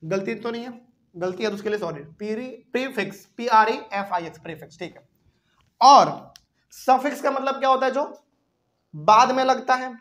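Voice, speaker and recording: A man's voice: very high voice, expressive, normal speed, a bit bright. Hindi-speaking man teaching chemistry. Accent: Bihari Hindi. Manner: explains step by step, asks the class questions. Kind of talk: whiteboard chemistry lesson.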